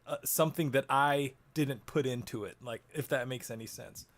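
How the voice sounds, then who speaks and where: A man's voice: medium pitch, moderate pace, fairly bright tone. A man co-hosting a podcast, easygoing and chatty, with hesitant restarts. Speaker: podcast co-host. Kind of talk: casual chat.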